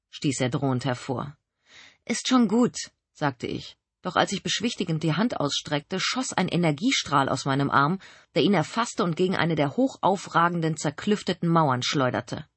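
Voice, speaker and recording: Woman reading a novel out loud, husky voice, dramatic, dry close sound. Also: low voice, no room sound. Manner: expressive, dramatic. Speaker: audiobook narrator. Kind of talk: first-person novel reading.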